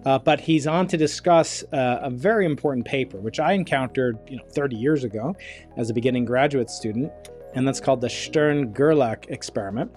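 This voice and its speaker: A man's voice: mid-range voice, fairly quick, darkish tone, faint music behind. A middle-aged man hosting a podcast interview, chatting loosely with lots of fillers and restarts. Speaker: podcast host. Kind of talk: casual interview chat.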